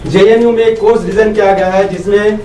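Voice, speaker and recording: A man's voice: sits high, fairly even intonation, fairly quick, dark tone, distant mic. A man reporter asking polite questions, calling the interviewee sir. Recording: roomy, from off-mic.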